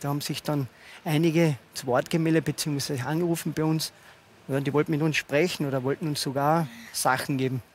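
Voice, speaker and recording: A man's voice: fairly high pitch, fairly even intonation, a little fast, slight background noise. A man, earnestly explaining things as a guest father on a TV talk show, wearing a headset mic in the studio. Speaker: father of a young skier. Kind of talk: talk-show interview answers. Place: TV studio with audience.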